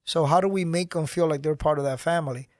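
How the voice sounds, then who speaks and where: A middle-aged man speaking as a guest in a podcast studio interview, talking with energy and animated conviction. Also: a little high, fast, dry recording. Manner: energetic, gestures while talking. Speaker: guest, nonprofit founder. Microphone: studio mic on boom arm.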